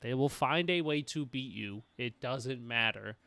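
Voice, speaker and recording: Smooth, dry-voiced sports talk man. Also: medium pitch, a little slow, pushed and bright, no room sound. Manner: laughing, playful banter. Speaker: sports podcast co-host.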